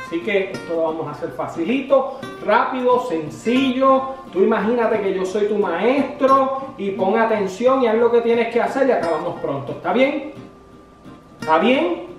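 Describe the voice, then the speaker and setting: Man, exasperated scolding dad, comedy sketch, roomy echo, soft music behind. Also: high voice, distant mic. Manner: exasperated, scolding, fast teacher talk. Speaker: comedian playing a dad homeschooling his kid.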